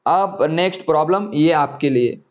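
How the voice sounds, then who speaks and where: A man's voice: a little high, normal speed, lo-fi sound. A man teaching chemistry in an online class, coaxing students and checking often whether they follow.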